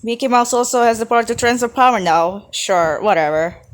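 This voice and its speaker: A woman's voice: a little high, fast talker, music in the background. A woman giving sarcastic roast commentary, snarky and full of swearing.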